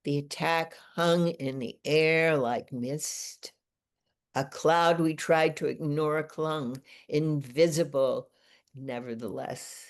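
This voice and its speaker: A woman, the featured poet, reading her own poetry aloud in a measured, deliberate way. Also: deep voice, steady tone. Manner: slow, deliberate, measured delivery.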